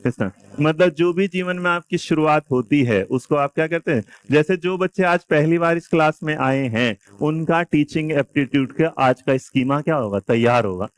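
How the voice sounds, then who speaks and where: A man's voice: fairly high pitch, moderate pace, few pauses, smooth, no room sound. A male teacher from India giving a classroom lecture, quizzing and teasing his students. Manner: lively, quizzes and teases students.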